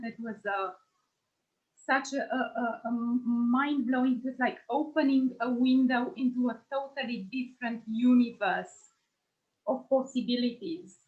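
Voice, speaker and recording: Earnest woman trainer reflecting slowly; a bit high, dull video-call sound. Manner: earnest, thoughtful. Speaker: nonviolent communication trainer. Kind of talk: personal reflection in a group call.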